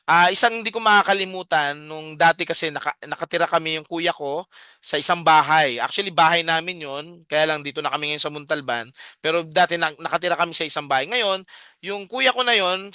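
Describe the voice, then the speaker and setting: Middle-aged Filipino lay preacher, bright and lively storyteller who keeps asking the audience questions. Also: male voice, a little high, clean tone, no room sound, clean studio sound. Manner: storytelling, many rhetorical check-ins. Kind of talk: casual preaching talk mixing Tagalog and English.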